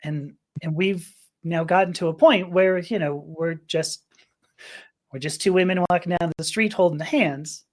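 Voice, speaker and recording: With a low-leaning voice and a measured pace, a middle-aged guest from Los Angeles, USA, recounts something personal on a podcast in an emotional, meandering way, breaking off to restart and laugh.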